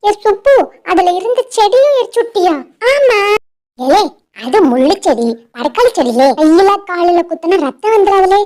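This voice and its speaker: A woman's voice: very high voice, sing-song, moderate pace, dark tone. Woman doing a blunt bird guy. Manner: blunt, scolding, drawled "ele" calls. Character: blunt, simple-minded male bird helper.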